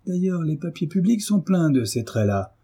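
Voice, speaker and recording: A man's voice: on the high side, big pitch swings, normal speed, breathy edge, voice pushed up, exaggerated voice. A man voicing a brutish, hot-tempered middle-aged landowner who blusters and curses, in an audiobook. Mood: furious. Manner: blustering, cursing, shouting. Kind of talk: audiobook character reading.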